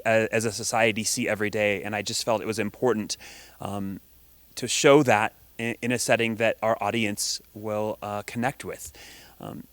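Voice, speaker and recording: A man explaining his staging choices for a play in an earnest, measured way, with many fillers. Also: medium pitch, clean tone, dry recording. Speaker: director. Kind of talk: recorded statement to camera.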